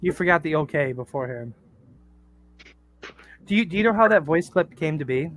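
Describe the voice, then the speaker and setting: A man's voice: on the high side, animated, a little fast, fairly bright tone. A man chatting casually on a podcast, rambling with lots of "uh" and "like". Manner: rambling, fills with "uh" and "like". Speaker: podcast cast member. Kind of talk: casual chat.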